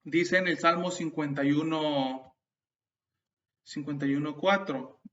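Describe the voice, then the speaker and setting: In a church, a man with a voice on the high side preaches a sermon at an unhurried pace. He tells stories animatedly, restarting at times and making asides to the congregation, all captured by a distant, dull-sounding mic.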